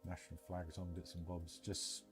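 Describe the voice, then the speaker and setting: This British man hosts a game livestream in a deep, monotone voice that's a bit bright, at a moderate pace with faint music behind him. He chats casually and rambles, thinking aloud through his commentary.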